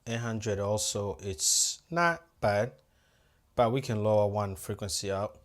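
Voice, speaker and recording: A man with a somewhat low voice walks viewers through a live audio setup. His talk is casual and hands-on, thinking aloud step by step as he tweaks the gear and calls his viewers "guys.". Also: a little slow. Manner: talks straight to viewers as "guys". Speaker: audio-visual technician. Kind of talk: hands-on tutorial.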